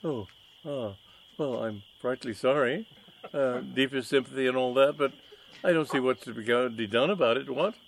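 An amiable, bewildered young gentleman with a mild, stammering upper-class English manner, as a man puts him on. Easygoing and a little lost, his voice stays close to the narrator's own. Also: medium pitch, normal speed, gravelly, a little hiss or hum, lightly acted. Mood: puzzled.

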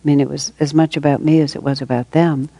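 A woman's voice: low-pitched, fairly even intonation, quick pace, dark tone, no echo. A woman giving a reflective, conversational spiritual talk to a group, taking questions as she goes. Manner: reflective and conversational, with light laughs. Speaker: spiritual teacher.

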